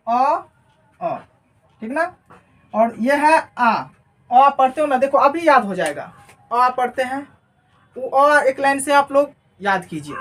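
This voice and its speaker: In a classroom lesson on phonetics, an English teacher with a high-sitting voice works at a board she writes on and erases. She tends to repeat key words, pose and answer her own questions, and check in with a frequent "right?"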